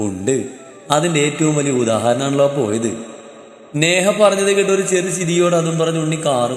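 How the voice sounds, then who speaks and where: A man narrating a romantic story in a steady, measured way. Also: a little high. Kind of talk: scripted narration. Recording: echoey roomy hall, faint music.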